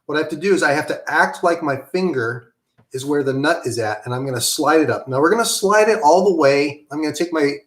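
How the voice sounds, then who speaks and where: A man's voice: on the high side, animated, a little fast, roomy sound. A man teaching an online guitar lesson in a casual, encouraging way, with many ums and okays. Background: guitar playing.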